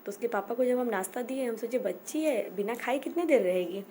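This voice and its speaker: Higher-voiced woman. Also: warm tone, a little hiss or hum. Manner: halting, circles back, repeats herself. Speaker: mother telling her family's story. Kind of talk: personal storytelling.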